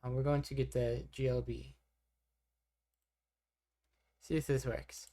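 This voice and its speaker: With a very deep, mellow voice that barely moves in pitch, a young woman takes her time as she chats on a live stream. She rambles, responds to her chat, and teases herself along the way.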